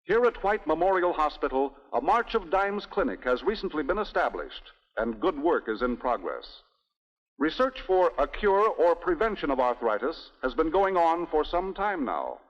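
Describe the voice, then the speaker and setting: Lively old newsreel narrator, American man. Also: fairly high pitch, normal speed. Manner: old newsreel narrator delivery, presentational with rhetorical asides. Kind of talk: scripted 1960s newsreel narration. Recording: dull 1960s newsreel soundtrack, reverberant.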